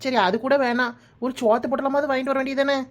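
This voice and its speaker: A woman's voice: sits high, level tone, fast talker, muffled recording, lightly acted. A woman voicing cheeky young village girl. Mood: complaining. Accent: Kanyakumari Tamil. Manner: complaining, teasing. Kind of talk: cartoon voice acting.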